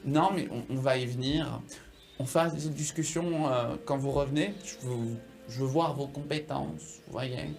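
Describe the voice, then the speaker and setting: Male game master, fry-laden voice, casual improvised table talk, music underneath. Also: medium pitch, steady tone, normal speed, a little mellow. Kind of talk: improvised tabletop role-play narration and dialogue. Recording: music playing behind the voice.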